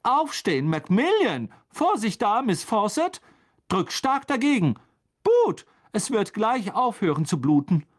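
A man's voice: high-pitched, sing-song, measured pace, voice pushed up, full character voice. A man voicing a vain, flustered male wizard teacher who talks in a showy, eager, fussy way. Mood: bustling.

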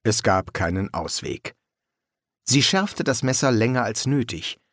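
A man reading a novel aloud as narrator, in a measured, expressive way. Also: mid-range voice, no room sound, studio quality. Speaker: audiobook narrator. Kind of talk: scripted narration.

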